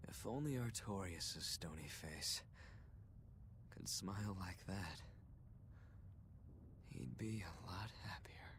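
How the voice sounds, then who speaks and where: An actor playing a carefree, battle-loving swordsman from a video game, speaking in a breathy near-whisper. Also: low-pitched, slow, pauses often, noisy background.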